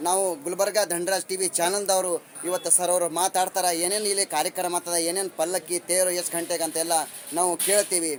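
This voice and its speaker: Brisk reporter, man. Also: sits high, flat delivery. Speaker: local TV reporter. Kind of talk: casual on-the-spot interview. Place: outdoors at a village fair. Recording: busy outdoor crowd noise.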